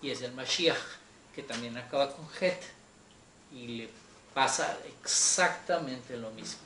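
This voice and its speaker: Slow, patient male Hebrew teacher. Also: medium pitch, pushed and bright. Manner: slow, patient, checks in with students often. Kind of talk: explaining a Torah class. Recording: echoey room with faint noise.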